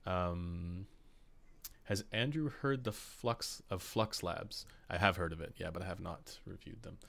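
A man's voice: low voice, a little slow, vocal fry, a bit bright. A Canadian man hosting a casual live stream, rambling with fillers and reading chat questions aloud. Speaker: host.

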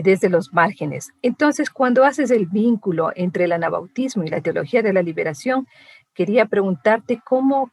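A woman with a Latin American Spanish accent acts as co-interviewer, laying out thoughtful questions. Her voice has a middle pitch and is captured very dry, with no room sound. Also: a little mellow, dry recording.

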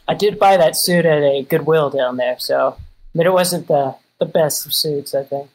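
A man's voice: a little high, unhurried, rough recording. Easygoing man from Kansas City. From Kansas City, United States. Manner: dry, joking, easygoing. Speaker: guest. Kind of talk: casual conversation.

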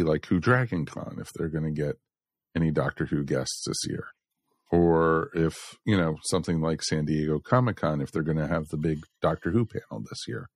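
In a dry, studio-quality recording, a low-voiced podcast co-host from the American Southeast keeps things casual and chatty. He speaks to listeners with a folksy touch.

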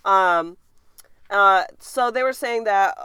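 A woman's voice: medium pitch, takes it slowly, sharp tone, smooth, no room sound. A woman in her thirties co-hosting a casual podcast, chatty and rambling as she explains things. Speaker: podcast co-host. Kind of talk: casual chat.

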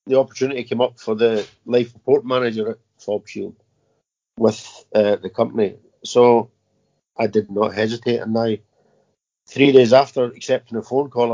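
A man in his fifties, an army veteran, answering interview questions in a halting way with many fillers and repeated words. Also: medium pitch, flat delivery, darkish tone. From Scotland. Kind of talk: casual interview. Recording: muffled lo-fi audio.

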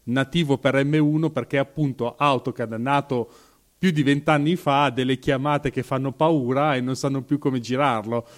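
A man hosting a podcast, interviewing his guest with joking asides. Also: medium pitch. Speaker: podcast host.

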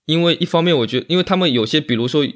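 A man's voice: on the high side, rapid-fire. A man speaking as an interview guest in a casual chat, explaining things and repeating phrases for emphasis. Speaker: interview guest, magician and bar owner.

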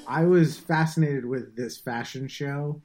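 A man hosts a casual film podcast and talks in a loose, chatty way. He restarts his sentences often and keeps saying "like." His voice sits at a mid pitch. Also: a little slow, a little mellow, faint music behind. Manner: chatty, with frequent restarts and likes.

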